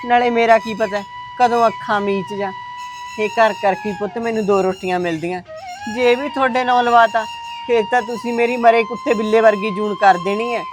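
A woman's voice: fairly high pitch, steady tone, brisk, over music, natural voice. A woman playing a frail old mother-in-law who pleads and complains in a sighing voice in an amateur short film. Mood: plaintive.

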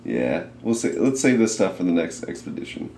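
A man's voice: low voice, big pitch swings, brisk, dark tone, slight background noise. A man giving casual gameplay commentary, swearing and laughing easily. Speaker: let's play co-host. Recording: echoey room, faint game music.

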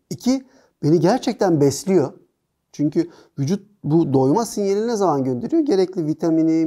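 A man's voice: high voice, mellow. A man as a guest on a talk show, explaining nutrition methodically in casual conversation.

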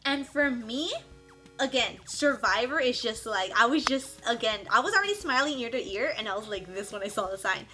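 A young woman casually recapping her time on a reality show, animated, acting out what others said in quick quoted asides. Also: a little high, over music.

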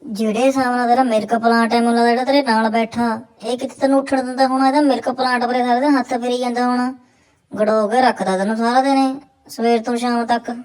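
A woman's voice: fairly high pitch, flat delivery, fast, a little mellow, rough recording. A woman with a Punjabi accent giving mocking reaction commentary in crude, sarcastic, bawdy banter.

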